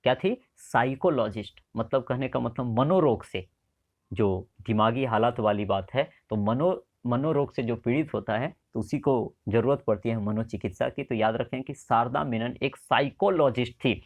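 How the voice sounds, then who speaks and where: A man's voice: medium pitch, moderate pace, narrow, tinny audio. Man drilling exam facts with questions. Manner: drills facts with repeated questions and memory tricks. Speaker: exam coaching teacher. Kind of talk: current affairs exam lesson.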